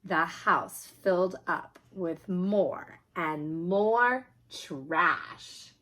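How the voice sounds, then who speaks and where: A woman draws out her words as she reads a children's picture book aloud, with a fairly low, slightly husky voice and an expressive, emphatic storytelling manner.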